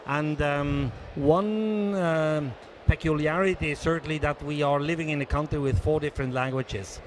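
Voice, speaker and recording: A man in his sixties from Switzerland, giving a measured, businesslike conference interview into a handheld mic, pausing often. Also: fairly high pitch, slight background noise. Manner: measured, businesslike, many hesitations. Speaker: interviewee, association treasurer. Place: conference booth indoors.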